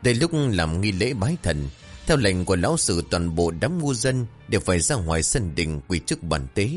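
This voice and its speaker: A man narrating a horror story in a dramatic, expressive way. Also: low-pitched, normal speed, soft background music.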